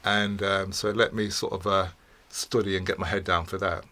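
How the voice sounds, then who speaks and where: A middle-aged man, a podcast guest telling his story in a studio with many pauses, fillers and repeated words. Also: sits low, flat delivery, pushed and bright. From England. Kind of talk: casual interview storytelling.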